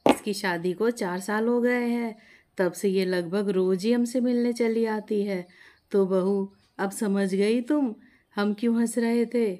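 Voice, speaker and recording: A woman's voice: medium pitch, fairly even intonation, slow pace, warm tone, close to an everyday voice. A woman voicing a good-natured, middle-aged mother-in-law in a family story. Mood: amused.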